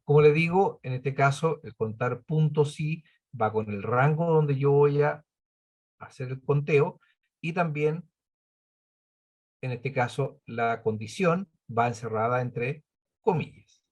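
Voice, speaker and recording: Husky man teaching spreadsheets. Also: medium pitch, slow. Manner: patient, counts aloud step by step. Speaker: computing teacher. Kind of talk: spreadsheet tutorial lesson.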